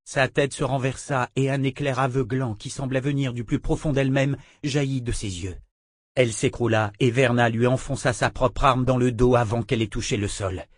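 A man narrating a fantasy audiobook in a measured, dramatic reading. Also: medium pitch, steady tone, no echo, clean studio sound.

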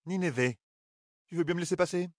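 Audiobook: impatient wry young man, raised pitch, read by the male narrator. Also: brisk, no room sound, studio quality, close to an everyday voice. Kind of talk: audiobook character voice.

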